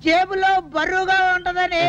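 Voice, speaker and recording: A dopey drunk in a movie comedy, very high-pitched and bright, his words slurred and wandering, muddling every answer he gives. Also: little pitch movement, moderate pace, highs cut off, a little hiss or hum. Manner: slurred, confused, wandering speech. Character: rambling drunk young man who hid a bomb.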